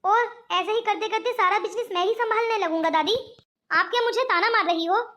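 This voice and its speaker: A woman's voice: very high voice, fairly quick, pushed and bright. A woman voicing a young male grandson, a businessman, in a cartoon, speaking in an affectionate, questioning way. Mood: coaxing. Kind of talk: cartoon voice acting.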